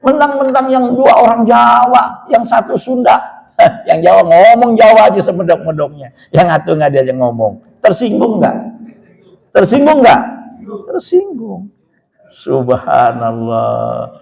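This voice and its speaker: A male preacher delivers a hadith lesson in a mosque coloured by speech. He tells joking anecdotes and keeps calling his listeners Pak. His voice sits high and has a gravelly edge. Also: normal speed, rough recording. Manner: animated storytelling, addresses the men as Pak.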